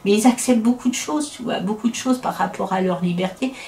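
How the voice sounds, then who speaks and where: A woman's voice: mid-range voice, fairly quick, darkish tone. Opinionated talkative Frenchwoman in echoey room. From France. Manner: talkative, opinionated, many restarts. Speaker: interviewee. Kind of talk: casual conversation. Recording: roomy echo.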